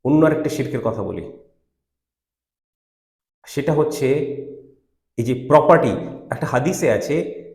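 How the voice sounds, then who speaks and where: A man's voice: mid-range voice, expressive, measured pace, pauses often, a little mellow. A man teaching a Quran commentary lecture, arguing his points emphatically and asking rhetorical questions. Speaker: Islamic teacher. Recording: roomy echo.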